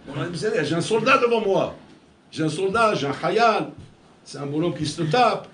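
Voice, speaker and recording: Male rabbi, lively preacher, slightly high voice, roomy echo. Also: normal speed, slight background noise. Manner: animated, acts out dialogues, addresses listeners as Rabotai. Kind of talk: Torah lecture. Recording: echoey room with faint ambience.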